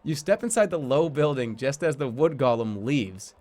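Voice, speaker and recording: His mid-range, slightly mellow voice moves at a moderate pace with lively intonation. While streaming a game, he narrates the story text dramatically and breaks off for informal, offhand remarks.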